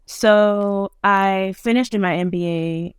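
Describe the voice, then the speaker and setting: A woman from Nigeria, a guest on a video call, telling her story in a relaxed, chatty way. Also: mid-range voice, slow, smooth, no room sound, studio quality. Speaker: guest entrepreneur. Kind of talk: casual interview.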